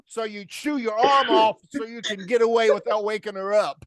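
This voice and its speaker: A man's voice: high-pitched, normal speed, no room sound, clean studio sound. An American-accented man telling casual stories and explaining slang in a jokey way, as a teacher in a class chat. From United States. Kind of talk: casual storytelling.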